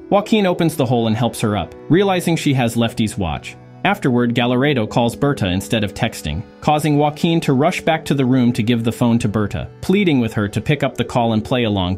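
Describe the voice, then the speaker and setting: A man's voice: medium pitch, darkish tone. A man narrating a film recap in a scripted storytelling style, with swooping intonation.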